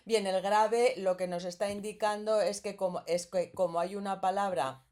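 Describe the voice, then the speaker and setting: A woman's voice: medium pitch, fairly even intonation, normal speed, a little mellow. A woman teaching a grammar lesson, explaining patiently and often checking in with the listener.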